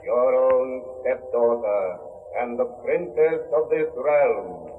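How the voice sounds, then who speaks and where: Solemn magic mirror spirit voiced by a man, slow grave chant, tinny hissy old film audio. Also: medium pitch, lightly acted. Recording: tinny, lo-fi 1930s film soundtrack with hiss.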